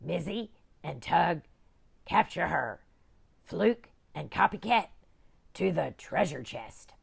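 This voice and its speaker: A woman's voice: deep voice, lively intonation, slow, creaky, husky, exaggerated voice. A woman voicing a bossy, blustering male pirate captain who growls and bluffs his way through. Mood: gruff.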